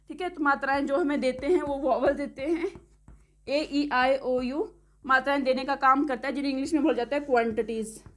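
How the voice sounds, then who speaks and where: A woman teaching English pronunciation, who explains step by step, checks in with the class often and spells words out slowly letter by letter. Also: high voice. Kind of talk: classroom-style lesson.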